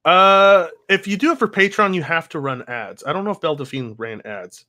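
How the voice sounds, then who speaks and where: A man's voice: on the high side, brisk, sharp tone, a little hiss or hum. A man co-hosting a podcast in casual, sweary conversation. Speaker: podcast co-host.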